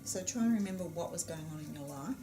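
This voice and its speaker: A woman leading a tapping therapy demonstration in a class, asking gentle probing questions and affirming often. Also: lowish voice, expressive, fast, noisy background. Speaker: EFT practitioner running a class.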